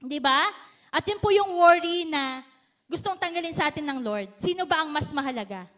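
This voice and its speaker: A woman's voice: high-pitched, lively intonation, moderate pace, a bit bright. A woman pastor with a Filipino accent, giving a sermon in a chatty, playful style and teasing the congregation. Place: church service.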